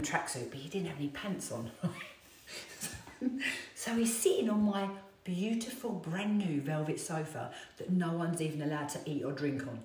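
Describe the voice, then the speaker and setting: Low-voiced woman, chatty and roomy. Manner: chatty, animated, self-mocking storyteller. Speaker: fitness trainer. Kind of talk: casual storytelling chat to viewers. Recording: echoey room, distant mic.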